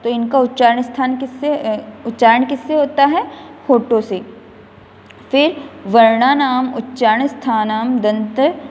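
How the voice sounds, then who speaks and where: Slow high-voiced woman teacher, echoing. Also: fairly even intonation, a little mellow, a little hiss or hum. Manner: reads out Sanskrit lines, then explains them in Hindi with many "a" fillers; recites letters one by one in a slow, measured way. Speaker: school teacher. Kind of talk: slow classroom explanation.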